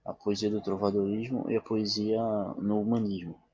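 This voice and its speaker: A man's voice: lowish voice, flat delivery, normal speed, warm tone, slightly rough, no echo, muffled recording. A male teacher, giving a lecture who keeps checking in with his listeners and answers his own questions. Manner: checks in often with "tá bom?" and "né?"; asks questions and answers them himself. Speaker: literature teacher. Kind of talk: classroom-style lecture.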